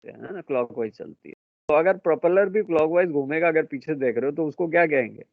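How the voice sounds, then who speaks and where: A middle-aged marine engineering teacher lectures his class in a somewhat high, animated voice with vocal fry, speaking fairly quickly. He quizzes students, calling them beta and bhai, and the classroom recording sounds dry and tinny, like a phone, with no echo.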